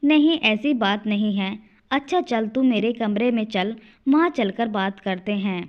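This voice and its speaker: A woman's voice: on the high side, unhurried, muffled recording, close to an everyday voice. A woman voicing a cruel young daughter-in-law who scolds and sneers at her elderly in-laws. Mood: flustered. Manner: scolding, contemptuous.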